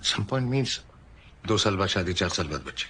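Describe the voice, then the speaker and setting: An actor playing a regretful man of fifty who speaks quietly and with resignation, mixing Hindi and English. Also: deep voice, lively intonation, normal speed, husky, full character voice. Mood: resigned. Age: 50s. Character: weary fifty-year-old man, regretful ex-husband. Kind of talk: film dialogue.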